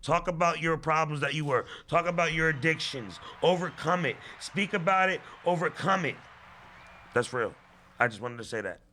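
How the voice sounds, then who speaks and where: A man's voice: a little high, expressive, moderate pace, bright, forceful tone, slight background noise. A man co-hosting a podcast, talking casually, swearing and teasing his partner. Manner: profane, teasing, preachy. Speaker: podcast co-host. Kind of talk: casual chat.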